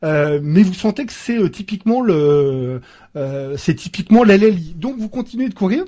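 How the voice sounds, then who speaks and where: A man with a notably high voice narrates a tabletop game as its game master. He hesitates often, filling gaps and restarting his sentences. He drops playful sound effects into his scene-setting, heard over a computer microphone on an online call. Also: animated, moderate pace, dark tone.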